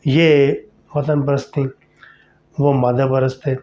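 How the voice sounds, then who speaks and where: A man's voice: medium pitch, little pitch movement, dark tone. A man hosting a podcast, telling a horror story in a chatty, conversational way and speaking directly to the listener. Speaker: storyteller host. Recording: slightly dull lo-fi recording.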